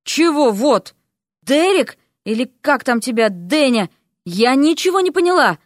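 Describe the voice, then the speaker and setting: A woman voicing a stubborn, sharp-tongued female frog who teases and demands answers. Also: high-pitched, expressive, measured pace, no echo, clean studio sound, voice pushed up. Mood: demanding. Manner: teasing, demanding.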